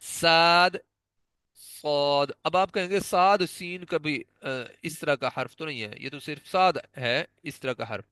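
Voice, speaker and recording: A man's voice: on the high side, hardly any pauses, a bit bright, no room sound. A man teaching Quran recitation, patiently explaining and repeatedly demonstrating how to pronounce letter sounds. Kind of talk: pronunciation lesson.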